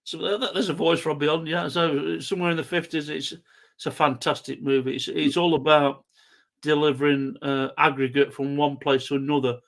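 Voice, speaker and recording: A man with an East Midlands accent from South Derbyshire in casual conversation. His voice sits a little high for a man, and he talks in an informal, matey manner. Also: fairly even intonation, normal speed, gravelly, fairly bright tone. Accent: South Derbyshire, East Midlands English. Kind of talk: casual chat.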